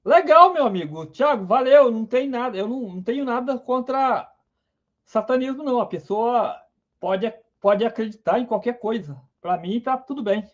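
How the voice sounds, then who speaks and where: A man's voice: extremely high pitch, animated, normal speed. A man hosting a casual live science stream, enthusiastic, greeting viewers by name. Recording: dull lo-fi stream audio.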